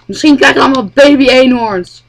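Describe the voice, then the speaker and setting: A woman's voice: high-pitched, brisk. A woman voicing a short-tempered mother who scolds and swears crudely at her child. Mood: scolding.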